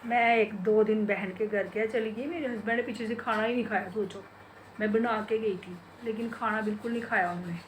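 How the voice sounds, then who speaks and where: A woman's voice: medium pitch, fairly even intonation, brisk, a little hiss or hum. A middle-aged woman, a home vlogger who coos baby talk to her pet bird and chats casually with viewers from home. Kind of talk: casual home vlog chat. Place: home, bedroom and kitchen.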